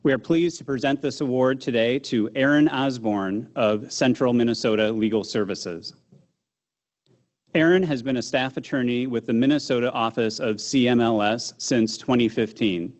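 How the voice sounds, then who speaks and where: A man reads prepared award citations in a formal, measured manner. His pitch sits in an ordinary middle range for a man. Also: a little mellow. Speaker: awards presenter.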